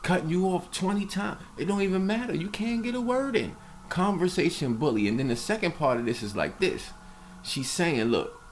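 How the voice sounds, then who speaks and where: A man's voice: sits high, lively intonation, normal speed, a little hiss or hum. A man hosting a reaction video, giving casual commentary in an emphatic, preachy way.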